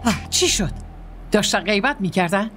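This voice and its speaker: A woman's voice: mid-range voice, animated, lightly acted. A woman dubbing a dramatic, suspicious older grandmother who scolds readily. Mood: scornful. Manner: theatrical, quick to scold. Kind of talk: Persian dubbing of a drama series. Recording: voice over loud music.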